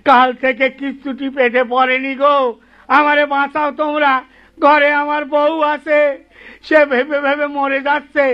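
A man's voice: very high voice, little pitch movement, unhurried. A man acting a desperate, trapped common man who pleads and wails for rescue in a comic audio drama. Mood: pleading. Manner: pleading, wailing cries for help. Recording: dull lo-fi recording.

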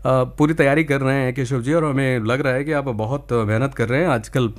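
A man's voice: mid-range voice, steady tone, moderate pace. A man hosting a live radio phone-in quiz, encouraging and repeating phrases for emphasis. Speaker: radio quiz show host.

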